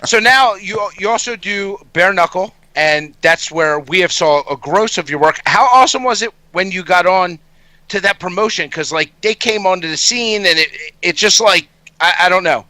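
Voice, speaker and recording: A male host with a bright, forceful voice pitched a bit high, recorded close and dry. He chats casually and with enthusiasm, like a fan running an interview. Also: moderate pace, dry recording, rough recording. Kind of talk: casual enthusiastic sports chat.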